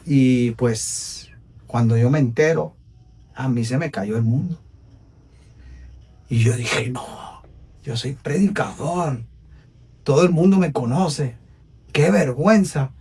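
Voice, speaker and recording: A man with a Puerto Rican accent, an evangelist telling his personal testimony on a podcast in an earnest, preacherly way, going from hushed to emphatic. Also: medium pitch, slow pace, pauses often, breathy edge, distant mic. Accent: Puerto Rican Spanish. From Puerto Rico.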